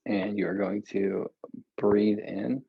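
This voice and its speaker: Calm male breathwork guide, unhurried and low, husky grain, dull lo-fi home recording. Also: no echo. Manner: slow, calm, relaxed with casual asides. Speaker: meditation and yoga guide. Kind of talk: guided breathing and stretching instruction. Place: home, seated on a meditation cushion.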